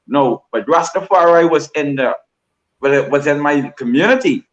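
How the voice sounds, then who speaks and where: A man's voice: fairly high pitch, expressive, normal speed, muffled recording. A Bahamian man giving a livestream interview, rambling and repeating himself with lots of "you know". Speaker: guest.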